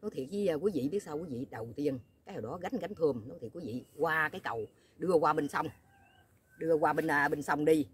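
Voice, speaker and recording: A woman's voice: sits low, fast. A woman, telling rambling stories to her viewers in a chatty vlog, often asking them "you know what?". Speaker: vlogger. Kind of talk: casual storytelling to viewers.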